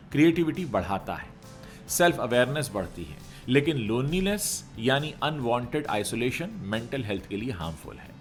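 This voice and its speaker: A man giving conversational entertainment news commentary, talking straight to viewers with rhetorical questions. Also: medium pitch.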